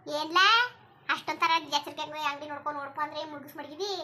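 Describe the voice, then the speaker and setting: A woman doing a shrill, bossy old village grandma. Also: fairly even intonation, pushed and bright. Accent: rural Karnataka Kannada. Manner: scolding, rapid-fire, crude rural Kannada. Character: bald, sharp-tongued old village grandmother. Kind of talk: cartoon voice acting.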